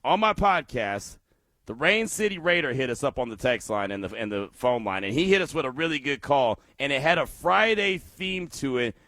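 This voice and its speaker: A man hosting a sports talk radio show, animated and laughing as he tells stories. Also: medium pitch, normal speed, dry recording. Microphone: studio microphone.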